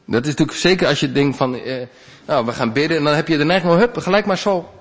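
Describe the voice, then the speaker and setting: A male pastor giving a sermon in a conversational, animated way, with big swings in pitch. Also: fast.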